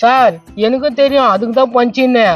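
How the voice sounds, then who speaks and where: A woman dubbing a hot-headed husband who faked madness, shouting and scolding in a comic fan dub. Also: fairly high pitch, steady tone, a little fast, music in the background, close to an everyday voice. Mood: bickering.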